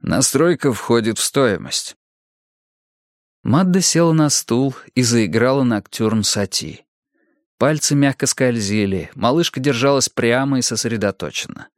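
A man narrates an audiobook in an even, measured reading voice of mid-range pitch, recorded at studio quality with no echo.

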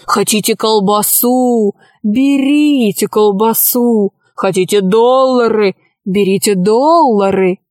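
A scheming male vampire from a storybook, as a woman reads him, drawing out his words slowly and persuasively. The voice sits fairly high and the sound is close and dry. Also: darkish tone, no echo. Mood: coaxing. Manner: slow, coaxing, drawn-out delivery.

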